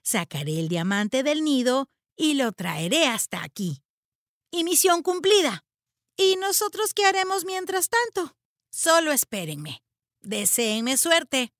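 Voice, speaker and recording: A woman voicing an eager young boy apprentice wizard in a storybook reading, talking in an excited, bossy, hurried way. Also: high voice, dry recording, clean studio sound, exaggerated voice.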